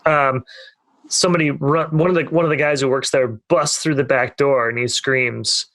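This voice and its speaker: A man's voice: medium pitch, steady tone, moderate pace, fairly bright tone, no room sound. A young man, co-hosting a casual podcast and telling a long rambling story full of fillers. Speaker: podcast co-host. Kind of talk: casual storytelling among friends.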